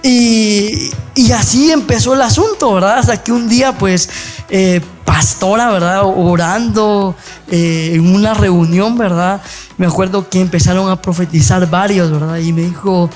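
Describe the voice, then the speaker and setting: A man's voice: high-pitched, a little slow, faint music behind. A young man giving an earnest testimony and advice on a church program, dropping filler words and asking for agreement after nearly every phrase. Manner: earnest, full of fillers, keeps adding "¿verdad?".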